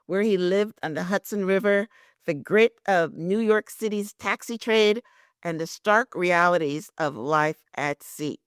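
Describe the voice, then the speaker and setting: A woman's voice: lowish voice, unhurried, smooth, no echo, clean studio sound. A woman from Guyana hosting a podcast interview, chatty and affirming, with many "very nice" replies. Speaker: podcast host. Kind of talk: podcast interview with reading of a synopsis.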